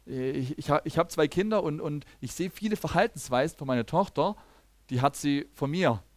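A man giving a teaching sermon, talking lively, often checking in with listeners and acting out the people he quotes, with frequent restarts. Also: fairly high pitch, normal speed, no echo. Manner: restarts sentences and acts out quoted speakers. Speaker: preacher.

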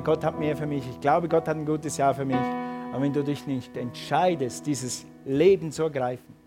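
A man preaching a sermon and calling his congregation to respond. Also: on the high side. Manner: preaching with rising emphatic calls to the congregation. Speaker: pastor.

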